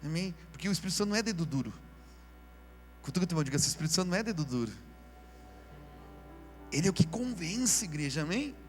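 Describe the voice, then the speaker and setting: Man, Brazilian accent, pastor, sermon, fairly high voice, casual slangy preaching, soft to shouted. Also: animated, fast, long pauses, soft background music. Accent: Brazilian Portuguese. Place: church service, live broadcast.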